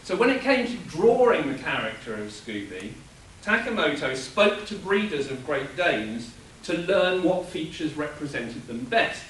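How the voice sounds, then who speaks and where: A man giving an animated, explanatory panel talk at a convention, chuckling now and then. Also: on the high side, a little hiss or hum. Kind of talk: lecture-style panel talk. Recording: echoey room from a distance.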